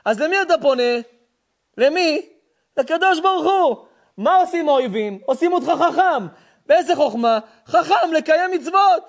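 Rabbi preaching, very high voice, swings wildly in pitch, asks and answers his own questions. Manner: rhetorical questions answered himself, lively and emphatic. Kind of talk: sermon lesson.

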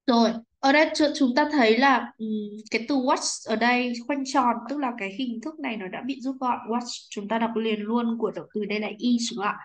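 A woman teacher with a Vietnamese accent guides a class through an English exercise. Her voice sits slightly high. She explains patiently and keeps asking whether students follow. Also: brisk, hardly any pauses. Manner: patient, asks "right?" often. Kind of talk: explaining a textbook lesson.

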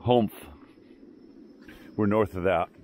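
A man in his sixties chatting casually in a travel vlog, relaxed and enthusiastic, recorded outdoors on a camera mic. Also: fairly low pitch, takes it slowly, a little hiss or hum. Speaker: travel vlogger. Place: outdoors by a glacier lagoon and roadside.

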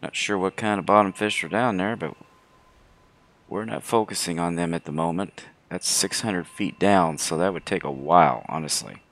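A man with a slightly hoarse voice giving casual, unhurried, low-voiced commentary as host of a gaming video. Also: a bit bright, a little hiss or hum. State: hoarse from throat trouble.

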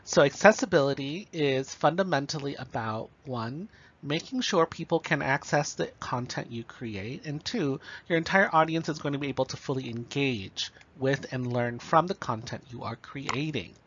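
A man's voice: mid-range voice, normal speed, a bit bright, slightly rough, dull audio. A man giving a recorded lecture, explaining step by step and checking in with the listener. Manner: explanatory, checks in with okay and right.

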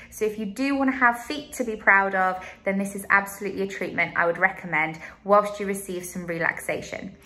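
A woman in her thirties, a beauty salon owner, giving an upbeat, gushing promotional talk to a phone camera in a small indoor room. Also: sharp tone. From England. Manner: upbeat, gushing sales pitch. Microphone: phone camera at arm's length.

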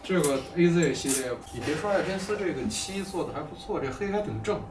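Male guitarist, Beijing accent, casual fast talker, echoey off-mic recording with music behind. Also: fairly high pitch, expressive, distant mic. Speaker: guitarist reviewing gear. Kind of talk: casual chat.

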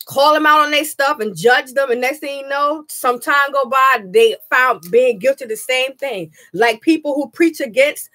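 Woman preaching over soft music. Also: high voice, normal speed, hardly any pauses. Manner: earnest preaching with frequent amens. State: slightly scratchy throat. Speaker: pastor. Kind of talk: sermon. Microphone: webcam.

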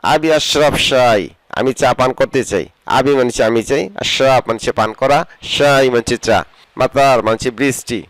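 A Bengali-speaking man teaching spoken Arabic, saying each phrase, repeating it slowly and translating it. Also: mid-range voice, no room sound. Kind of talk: spoken vocabulary lesson.

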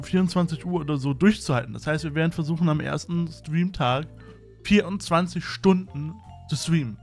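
Male YouTuber, playful rambling vlog chat, slightly high voice, faint music behind. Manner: playful, jokey, rambling with many fillers. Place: room at home with a fan.

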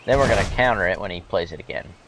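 A young man giving relaxed, wry commentary while playing a card game, thinking aloud with fillers, with hiccups. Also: low-pitched, racing, heavy background noise. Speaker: gamer. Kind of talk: casual gameplay commentary. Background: loud music.

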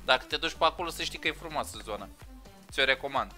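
A man's voice: medium pitch, animated, bright, forceful tone, faint music behind. A man in his twenties from Romania, chatting casually with friends while streaming a driving game, joking around. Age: 20s. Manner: joking, bursts into mock French and broken English. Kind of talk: casual gaming chat with friends.

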